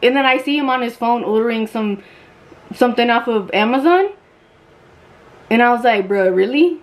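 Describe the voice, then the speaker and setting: A woman's voice: a little high, normal speed, poor audio. Blunt, chatty young woman vlogger. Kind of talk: storytime chat while getting ready.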